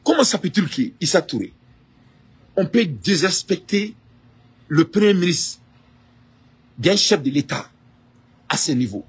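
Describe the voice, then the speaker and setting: A man's voice: a little high, big pitch swings, measured pace, long pauses, breathy edge. A man from Mali with a Malian French accent gives an impassioned political address, repeating phrases and asking rhetorical questions as he switches between French and Bambara. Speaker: political activist.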